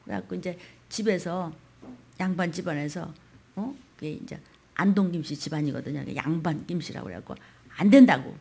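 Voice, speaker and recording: A woman pastor preaching a sermon in a colloquial style, acting out quoted voices, asking rhetorical questions, and swinging between loud outbursts and hushed whispers. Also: on the low side, brisk, creaky, breathy edge. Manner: dramatic, acts out quoted voices.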